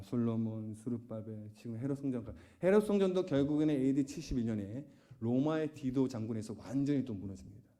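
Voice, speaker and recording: A man's voice: medium pitch, mellow. A man pastor preaching a sermon, often putting questions to the congregation. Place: church sanctuary.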